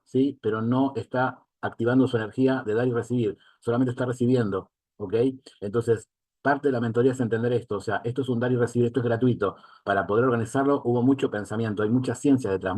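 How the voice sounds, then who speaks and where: A man's voice: medium pitch, darkish tone, dry recording. A man with a Rioplatense Spanish accent giving an online mentoring lesson as a life coach. He keeps checking that the listener is following him. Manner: asks for agreement again and again.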